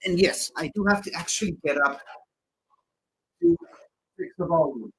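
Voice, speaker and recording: A man's voice: on the high side, animated, moderate pace, a bit bright, husky. A young man giving casual, rambling, enthusiastic commentary while rewatching a movie, often correcting himself.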